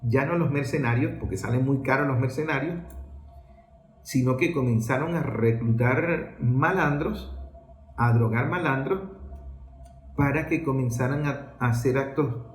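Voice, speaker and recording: Unhurried and medium-pitched, a Venezuelan-accented man offers political commentary in an emphatic, rhetorical style, asking questions and then answering them. The sound is roomy, with echo.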